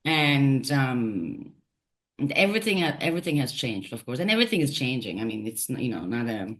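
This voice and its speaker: Low-voiced thoughtful woman from Turkey. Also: big pitch swings, a bit bright. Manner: thoughtful, halting, with frequent fillers and restarts. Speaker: guest, poet and translator. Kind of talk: reflective interview conversation.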